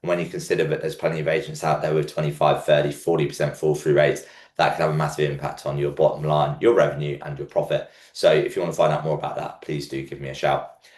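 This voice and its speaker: Very deep, croaky man. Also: flat delivery, fast talker, darkish tone. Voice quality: croaky, froggy throat. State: under the weather, hoarse. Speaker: host of a property market update show. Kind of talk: scripted-outline market commentary presentation. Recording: echoey room.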